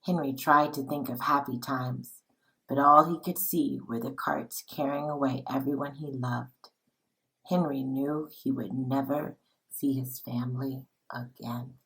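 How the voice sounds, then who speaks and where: Woman, storybook read-aloud, bright forceful voice, slow deliberate delivery, dramatic, teacherly. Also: very deep voice, fairly even intonation, poor audio. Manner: dramatic, deliberate, with acted-out dialogue. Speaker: teacher reading a picture book aloud.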